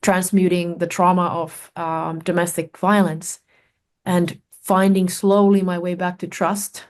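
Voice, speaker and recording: A thoughtful, low-voiced woman whose native tongue is Finnish shares reflective stories as a guest researcher and author. Her pitch barely moves, and she gropes for words amid many pauses and fillers.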